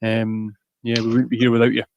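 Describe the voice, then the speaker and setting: A man's voice: mid-range voice, completely flat delivery, fairly quick, creaky, smooth, highs cut off. A man co-hosting a livestream, speaking in an earnest, easygoing way. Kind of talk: casual chat.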